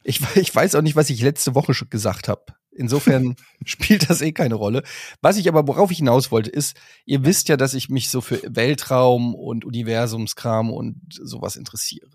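A man's voice: medium pitch, moderate pace, darkish tone, breathy edge, no echo, clean studio sound. A man co-hosting a casual podcast, playful and self-mocking, who drifts into jokes. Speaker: podcast co-host. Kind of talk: casual chat.

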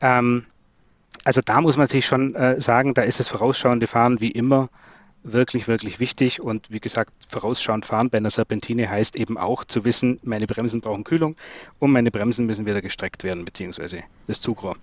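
A man's voice: mid-range voice, steady tone, a little fast, dry recording. German man explaining brake technology. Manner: explanatory, many fillers and repeated words. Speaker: trailer brake expert guest. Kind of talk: technical podcast conversation.

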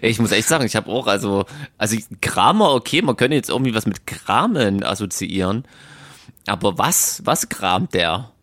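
A man from Saxony co-hosting a podcast, chatting casually, playful and quick to laugh. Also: fairly low pitch, no room sound. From Saxony, Germany. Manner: animated, laughs often, playful teasing. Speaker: podcast co-host. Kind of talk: casual chat.

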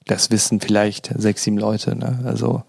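A man speaks as a podcast guest, telling his own story in a loose, chatty way. His voice is low-toned and gravelly, with little rise and fall. He drops in fillers and acts out what people said. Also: level tone, moderate pace, darkish tone, dry recording, clean studio sound. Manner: informal, many fillers, acts out quoted dialogue. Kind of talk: personal storytelling in conversation.

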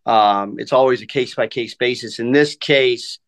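A man's voice: mid-range voice, normal speed. A man in his mid-forties talking casually as an interview guest. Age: 40s. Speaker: guest, professional golf caddy.

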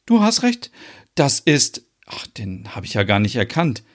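A man's voice: medium pitch, wildly swooping pitch, measured pace. A man voicing a flustered middle-aged woman who is naive about online dating, speaking hesitantly and stammering as she gets embarrassed, in a podcast soap opera. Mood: excited.

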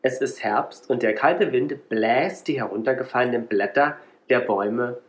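A man's voice: medium pitch, moderate pace. Man reading a spooky story aloud. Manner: reads story with lively raised voices for children's lines. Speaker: podcast host.

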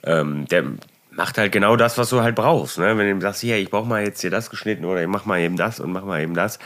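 A man telling a work story in casual chat, animated and exasperated, with many restarts and tag questions. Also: low-pitched, quick pace.

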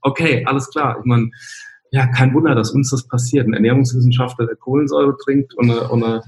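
A man's voice: mid-range voice, steady tone, brisk, warm tone. A man speaking as an interview guest in casual conversation, telling stories and explaining while restarting his sentences. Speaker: interview guest, nutrition scientist.

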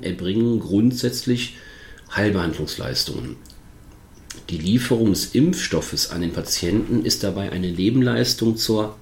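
Deep-voiced tax advisor podcasting. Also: male voice, vocal fry, darkish tone, roomy sound. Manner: measured, explanatory, with frequent fillers and restarts. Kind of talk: informational podcast monologue.

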